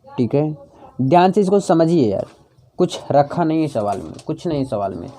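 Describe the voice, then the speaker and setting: A man's voice: a little high, sing-song, moderate pace, mellow. A man teaching a maths lesson as a tutorial, coaxing students along, repeating each step and asking rhetorical questions that he answers himself. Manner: coaxing, repeats steps to drive them home. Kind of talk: chalk-and-talk tutorial explanation.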